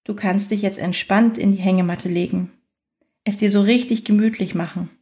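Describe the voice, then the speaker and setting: A woman narrating a scripted guided fantasy journey in a soothing, unhurried manner, leaving long pauses between phrases. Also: mid-range voice, steady tone, mellow.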